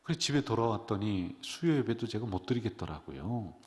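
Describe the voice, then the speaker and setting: A middle-aged man preaching in a church, his voice worn and subdued, leaping up to loud cries and dropping to near-whispers. His pitch swings widely as he talks. The sanctuary rings with a long, trailing reverb. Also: very animated, a little fast. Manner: emotional, swinging from loud exclamations to hushed whispers. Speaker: senior pastor. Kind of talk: sermon at a midweek prayer service.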